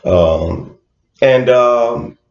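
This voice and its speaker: A man's voice: medium pitch, very slow, a little mellow. A man co-hosting a podcast in casual chat, laid-back and hesitant with many fillers. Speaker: podcast co-host. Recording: roomy, dull lo-fi sound.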